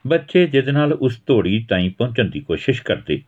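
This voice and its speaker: In a mid-range, sing-song voice with a darkish tone, a man reads a village story aloud fairly quickly. He narrates and acts out the characters' quarrels in this storytelling with acted dialogue. The audio is tinny, like a phone.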